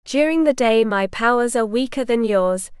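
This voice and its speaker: A woman voicing a cold, stern male vampire mentor in an audiobook, speaking curtly and deadpan. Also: a little high, normal speed, clean tone, dry recording, studio quality, natural voice. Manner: curt and deadpan. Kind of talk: audiobook character reading.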